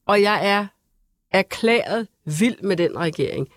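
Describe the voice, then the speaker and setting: A woman's voice: mid-range voice, expressive, no room sound, studio quality. Emphatic opinionated woman guest. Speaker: panel guest. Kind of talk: casual talk-show chat.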